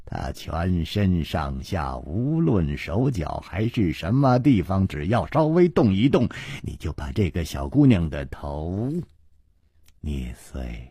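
A man voicing a scheming young male villain who speaks in slow, hushed, drawn-out threats, as part of a Chinese storytelling radio reading. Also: sits low, big pitch swings, breathy edge, dry recording, clean studio sound, pitched below the performer's own voice, heavily acted. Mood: menacing.

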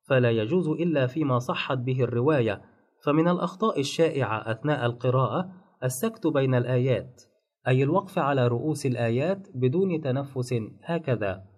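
A man calmly narrating a lesson on Quran recitation rules, listing points one by one. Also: mid-range voice. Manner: measured, enumerating rules point by point. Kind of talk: scripted instructional narration.

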